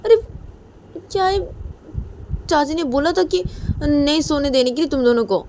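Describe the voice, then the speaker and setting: A woman's voice: high voice, normal speed, a little mellow, slight background noise, voice pushed up, close to an everyday voice. A woman voicing a teasing young female cousin in a storybook tale, speaking in an insistent, squealing way.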